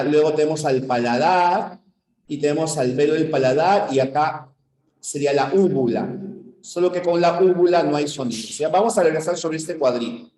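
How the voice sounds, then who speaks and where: A man's voice: a little high, warm tone. Man lecturing in an echoey room. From Peru. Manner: explains step by step, asks the class questions to check they follow. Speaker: teacher. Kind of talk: university-prep lecture.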